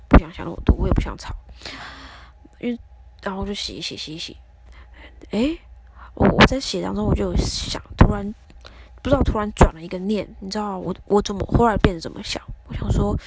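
Gravelly chatty woman. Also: medium pitch, very noisy. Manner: chatty storytelling, acts out quarrels. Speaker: podcast host. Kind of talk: personal advice monologue.

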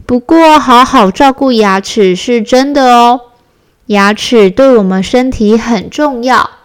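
Brief: woman playing a gentle storybook mom, slightly high and unhurried. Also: clear, resonant tone, natural voice. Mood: gently instructive. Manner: kind, gently scolding. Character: warm, caring mother bear.

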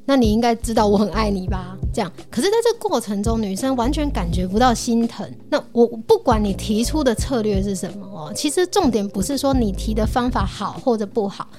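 A woman co-hosting a casual relationship podcast, talking in an animated way and acting out little quoted scenes. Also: a little high, fairly quick, hardly any pauses, music in the background.

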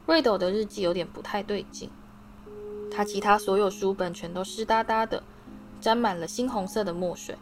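A woman narrating a fantasy novel as an audiobook reader, in a steady, expressive reading voice. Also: mid-range voice, a little hiss or hum. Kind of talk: storybook narration.

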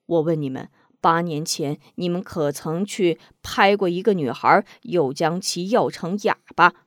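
A man's voice: fairly high pitch, a little slow, fairly bright tone, no echo, studio quality. A woman reading a story, voicing a stern, righteous innkeeper man who sneers coldly and barks orders. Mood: cold angry. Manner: cold sneering, then barking commands.

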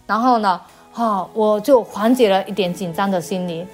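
Woman guest, faith testimony, halting delivery, repeats words, soft music underneath. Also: mid-range voice. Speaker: interview guest.

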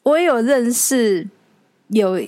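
Clean studio sound with no room echo captures a young Taiwanese podcast host speaking slowly in a voice on the high side. Alone on the mic, she chats casually in Taiwanese-accented Mandarin, telling animated stories and laughing often.

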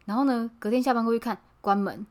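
A woman's voice: a little high, quick pace. A woman chatting casually as a co-host, telling a story with animation and frequent laughter. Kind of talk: casual chat.

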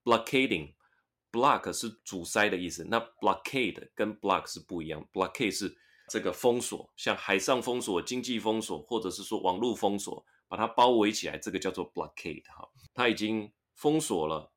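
A man's voice: fairly low pitch, moderate pace, a bit bright. A man hosting a podcast lesson, reading English news passages aloud and explaining them in with frequent tag particles. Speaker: podcast host teaching English through news articles.

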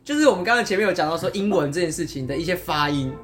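A woman with a Taiwanese Mandarin accent co-hosting a podcast in casual chat, animated and laughing often. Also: on the low side, rapid-fire, over loud music. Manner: animated, laughs often, mixes English words. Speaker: podcast co-host.

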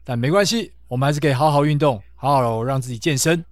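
A man's voice: mid-range voice, fast talker, no echo, studio quality. A man with a Taiwanese accent chats casually as a podcast co-host, joining remotely. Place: remote recording from a separate location.

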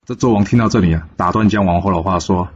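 Deep-voiced man telling a story. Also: fast. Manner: lively, switches voices for each character. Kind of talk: storytelling narration with voiced dialogue. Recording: dull lo-fi recording with faint background noise.

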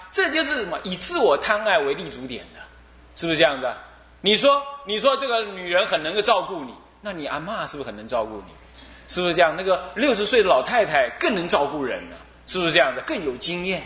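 Buddhist abbot, man, Taiwanese Mandarin accent, high voice that swings widely, chuckling sermon, echoey hall. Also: bright, forceful tone. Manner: chuckling, asks the audience rhetorical questions again and again. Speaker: Buddhist abbot lecturing on a sutra. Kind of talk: Buddhist sermon, lively lecture.

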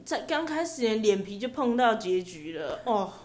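A young woman telling a story on a podcast, lively and laughing often, on a headset mic. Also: mid-range voice, moderate pace. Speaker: podcast co-host. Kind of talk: casual chat, storytelling. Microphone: headset microphone.

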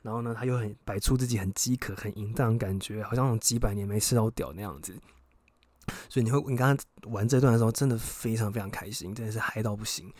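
A young man, hosting a podcast and telling a personal story casually, frank and excitable, swearing freely. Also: lowish voice, quick pace, dry recording. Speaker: podcast host.

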